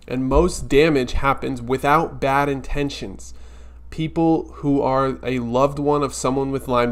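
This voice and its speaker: A man hosting a weekly live stream, talking casually and earnestly, reassuring viewers directly. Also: mid-range voice.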